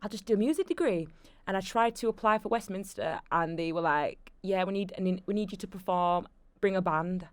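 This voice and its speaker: A woman's voice: mid-range voice, brisk, no room sound. Chatty young woman, dry close sound. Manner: chatty, animated storyteller with lots of fillers. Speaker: guest. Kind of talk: casual interview chat.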